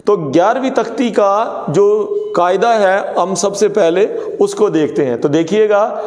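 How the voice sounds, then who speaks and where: A man teaching a pronunciation lesson, saying words slowly and contrasting wrong and right forms. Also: sits high, a little mellow. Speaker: Urdu teacher. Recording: echoey room with long reverb.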